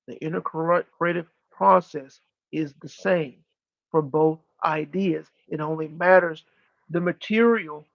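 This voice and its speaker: High-pitched creaky man channeling like a medium. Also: no room sound, lo-fi sound. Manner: deliberate, formal, emphatic phrasing with pauses and repetition. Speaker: channeler leading a live spiritual session. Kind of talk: channeled spiritual teaching, like a seance medium speaking as a guide.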